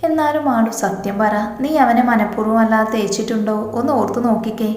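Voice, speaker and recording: ഒരു സ്ത്രീ വായിക്കുന്ന കുസൃതിക്കാരിയായ ഒരു കൂട്ടുകാരി, കളിയാക്കിയും ചിരിപ്പിച്ചും സംസാരിക്കുന്നു. സ്വരം അൽപ്പം ഉയർന്നതാണ്, മുഴങ്ങുന്ന മുറിയിൽ. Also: female voice, fairly high pitch, fairly quick, darkish tone, roomy sound, big-room sound, close to an everyday voice. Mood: teasing. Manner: teasing, playful. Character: cheeky young female best friend.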